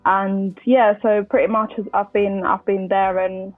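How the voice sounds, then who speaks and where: On a tinny line, a woman in her twenties from Colombia, raised in London, chats as a guest on a casual podcast interview, full of fillers and restarts. Her mid-range voice is flat and a little slow. There's no room sound, and faint music plays in the background.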